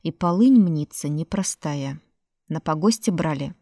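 A woman reads a story aloud in a slow, unhurried voice, somewhat low. The recording is dry and close to the mic. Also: animated, mellow, no echo. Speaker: narrator. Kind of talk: audiobook narration.

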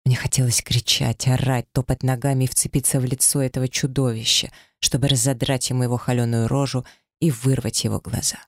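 A man's voice: mid-range voice, level tone, a little fast, dry recording, studio quality. A man reading a first-person story as an audiobook narrator, dramatic and emotional.

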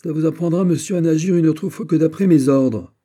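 A man's voice: medium pitch, normal speed, dark tone, pitched above the performer's own voice, natural voice. Stern commanding general, voiced by a man. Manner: imperious, stern, sonorous. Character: commanding middle-aged male general. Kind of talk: audiobook character voice.

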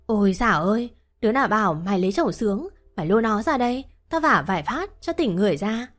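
A woman's voice: mid-range voice, expressive, fast talker, lightly acted. A woman voicing a blunt, scolding but caring old village woman, over faint music.

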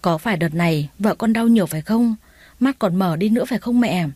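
Casting: a woman reading as a young husband, fretful and short-tempered, mellow low-key tone, dry and close. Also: fairly quick, no room sound, natural voice. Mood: agitated. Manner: urgent, agitated outbursts.

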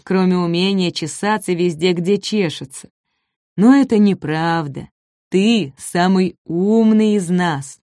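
A huge, gentle long-necked dinosaur speaks slowly and wisely, voiced by a woman. His words come unhurried and deliberate, a touch lower and softer. The recording is dry and near. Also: no room sound, close to an everyday voice. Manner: slow, deliberate.

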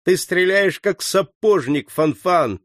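A man voicing a bold teenage boy who leads a band of young fighters, giving loud commanding shouts. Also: high-pitched, animated, slow, dry recording, studio quality, voice pushed up, full character voice. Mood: shouting orders.

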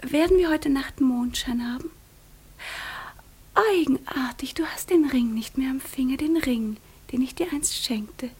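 A proud young woman just out of a convent, in a radio play. Her breathy, fairly high voice keeps sinking into tense whispers. She stays sharp and guarded under the softness. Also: expressive, moderate pace. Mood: teasing. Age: young adult. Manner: drops often to a tense whisper. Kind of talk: studio radio drama acting.

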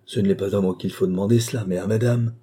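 A man's voice: lowish voice, steady tone, fast talker, dark tone, husky. A man reading a mild, frail old marquis. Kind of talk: audiobook character voice.

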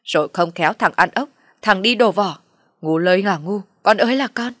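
A woman's voice: normal speed, no echo, clean studio sound, natural voice. Woman doing a screaming, abusive mother-in-law. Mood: furious scolding. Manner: shrill, abusive shouting. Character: furious scolding middle-aged mother-in-law.

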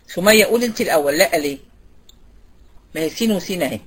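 Egyptian woman, teacher, quick speech, husky voice, quizzes students, repeats points. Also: lowish voice, animated. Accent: Egyptian Arabic. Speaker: Quran recitation teacher. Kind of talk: online class lecture.

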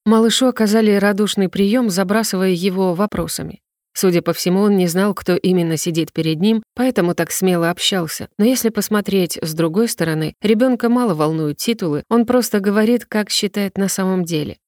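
A woman narrating a novel in first person with an even, measured reading. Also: mid-range voice, dry recording, studio quality. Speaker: audiobook narrator.

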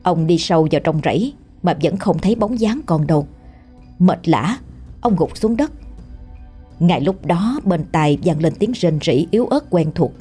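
A woman with a Southern Vietnamese accent narrating a scripted horror story in a steady, somber way. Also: fairly low pitch, normal speed, breathy edge, faint music behind.

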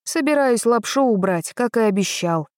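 A woman reading the lines of a gruff, wry old man in an audiobook, slow and drawling. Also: a little high, lively intonation, darkish tone, dry recording, clean studio sound, pitched above the performer's own voice, lightly acted.

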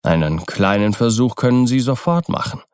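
A man's voice: mid-range voice, animated, darkish tone, no room sound, clean studio sound, natural voice. A man voicing a sly, persuasive older seller in an audiobook reading. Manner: smooth, persuasive, measured explaining. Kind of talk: audiobook character voice.

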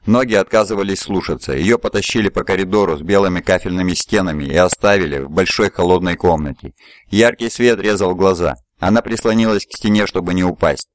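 A man narrating an audiobook in an even, measured reading voice. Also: low voice, no room sound. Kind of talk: scripted narration.

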